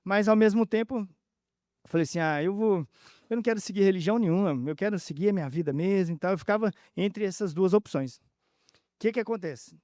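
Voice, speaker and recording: A man's voice: high voice, darkish tone, no room sound, clean studio sound. A man giving an emotional personal testimony talk at a conference, telling his story through many reported dialogues. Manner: emotional, halting. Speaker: conference speaker.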